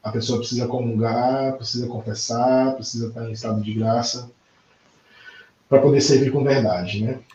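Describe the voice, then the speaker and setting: Male host, thoughtful and halting, roomy lo-fi sound. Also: medium pitch, steady tone, a little mellow, slight background noise. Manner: reflective, halting restarts. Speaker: interview host. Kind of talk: conversational interview.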